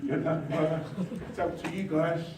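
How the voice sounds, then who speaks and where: Speaking at normal speed, a male pastor with a high voice, Samoan his first language, leads a revival sermon with bilingual asides in a church hall. His delivery shifts from soft asides to rousing, shouted exhortation; the mic sits far away, the hall echoes, and steady background noise persists.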